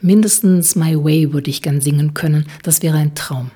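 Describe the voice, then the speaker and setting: A curious, impulsive middle-aged woman who presses with question after question, voiced by the narrator herself. Her voice sits low and husky. It reads like an audiobook dialogue. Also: moderate pace, warm tone.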